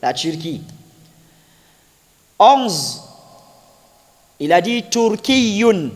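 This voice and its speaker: Patient male Arabic teacher in a reverberant hall. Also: high voice. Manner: patient, repeats examples and quizzes the class. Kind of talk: classroom lesson explaining grammar.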